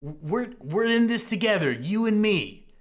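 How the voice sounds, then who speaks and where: A man voicing a loud, sharp, earnest and oblivious sidekick with dated slang in a tabletop game. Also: high-pitched, big pitch swings, unhurried, pitched above the performer's own voice. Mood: eager, oblivious.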